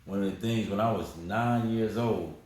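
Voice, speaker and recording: In a casual interview, a guest in his forties tells his life story, rambling and repeating words, and sounds proud when his family comes up. His voice is lowish and a little mellow at a moderate pace, recorded in a very echoey room with faint noise.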